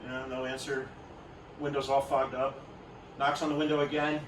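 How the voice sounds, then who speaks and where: A man's voice: mid-range voice, level tone, normal speed, background noise. A middle-aged man of Greek heritage doing stand-up at a private party, rambling, self-deprecating and teasing the crowd. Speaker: comedian. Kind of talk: stand-up comedy. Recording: roomy distant party recording.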